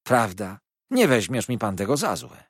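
A man's voice: lowish voice, sing-song, moderate pace, slightly rough, dry recording, clean studio sound. A man voicing a sly, falsely humble young male clerk who talks in a sugary, wheedling, obsequious way. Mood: fawning.

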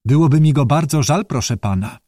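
A man's voice: fairly high pitch, expressive, brisk, mellow, dry recording, clean studio sound. A man voicing a courteous, bookish male newt who speaks earnestly and formally in an audiobook. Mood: courteous, eager. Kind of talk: audiobook character voice.

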